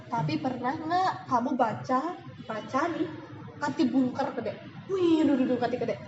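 A woman giving an animated motivational talk to a sales team, acting out examples as she goes. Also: sits high, moderate pace. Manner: lively, animated, acts out examples. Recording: echoey room, dull lo-fi, noisy.

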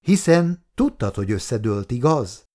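A man voicing a kind, weary old man in a wheelchair in an audiobook, speaking calmly and gently. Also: medium pitch, lightly acted. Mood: gentle.

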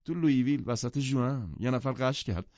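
A man's voice: medium pitch, a little mellow, no echo, voice pushed up, lightly acted. A male audiobook narrator voicing a restless, spoiled young woman who complains, in a dry, muffled recording. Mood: petulant. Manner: petulant and complaining. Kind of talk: audiobook character voice.

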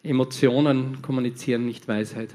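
A man's voice: medium pitch, fairly even intonation, moderate pace, warm tone. Man interpreting a sermon live. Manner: follows closely, with fillers and restarts.

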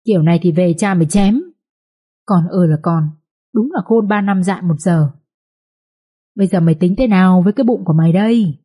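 A woman voicing a frightened, fretful middle-aged village mother who wails and frets, in a husky voice. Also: fairly low pitch, a little fast, pauses often, mellow, close to an everyday voice. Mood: wailing. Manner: wailing, fretful.

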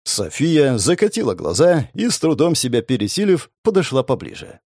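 Animated, lively male storyteller. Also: mid-range voice, normal speed, no room sound, clean studio sound. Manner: expressive, sardonic, lively storytelling. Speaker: audiobook narrator. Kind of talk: first-person story narration.

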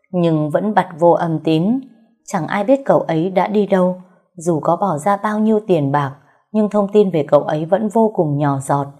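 Mellow, low-voiced woman narrating a story.

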